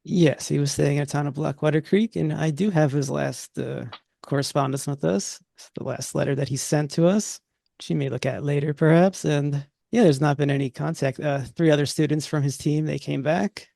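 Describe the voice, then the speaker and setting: A man running a tabletop horror game, speaking for a university official in a relaxed, conversational way. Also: on the high side, normal speed, gravelly, no echo, studio quality. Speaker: game master. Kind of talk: narrating and voicing characters in a tabletop game.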